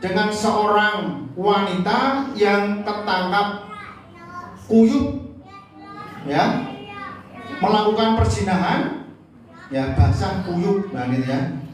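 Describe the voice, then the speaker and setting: A man's voice: sits high, slow, long pauses, slight background noise. Javanese pastor guy preaching, jokey, asks the crowd stuff, drags words out singsong, super echoey hall, mic far off. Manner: jokey, quizzes the congregation with questions. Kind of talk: live sermon.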